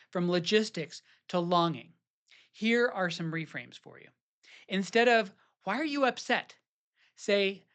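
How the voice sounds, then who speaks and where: A man's voice: high-pitched, fairly bright tone. A man who works as a marriage therapist, giving scripted advice to husbands in an earnest, coaching way and acting out sample phrases. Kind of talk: scripted advice talk to men.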